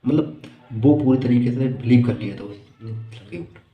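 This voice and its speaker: A man's voice: mid-range voice, normal speed, roomy sound, muffled recording. Amused man telling a comic story. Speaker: stand-up comedian. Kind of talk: storytelling stand-up.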